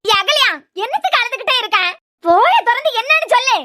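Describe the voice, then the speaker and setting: A woman with a Kanyakumari Tamil accent voicing a sharp-tongued middle-aged mother who scolds loudly in a cartoon serial. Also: expressive, quick pace. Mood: scolding. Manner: scolding, shrill.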